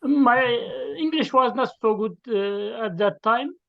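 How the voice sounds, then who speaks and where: A Syrian man whose first language is Kurdish speaks slowly and haltingly in a very high voice with vocal fry. Sharing casually on a video call, he uses many fillers and laughs as he talks, over lo-fi call audio.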